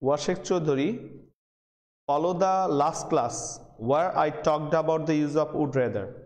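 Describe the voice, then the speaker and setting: Long reverb from a very echoey room surrounds a man with a Bangladeshi accent and a slightly high, a little mellow voice as he unhurriedly lectures on English grammar live. He addresses students, frequently repeating phrases and questions and calling out names.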